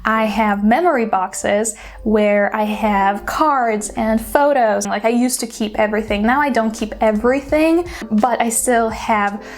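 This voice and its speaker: A Polish YouTuber in her twenties chats casually with her viewers in a vlog, speaking with a Polish accent and using "like" as a frequent filler. Her voice is fairly high and unhurried.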